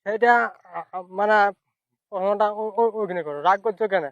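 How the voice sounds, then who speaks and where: A man speaking haltingly in a clip, stumbling over his words. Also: sits high, fairly even intonation. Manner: stammering, halting. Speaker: content creator in a played clip. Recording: tinny phone-like clip, dry.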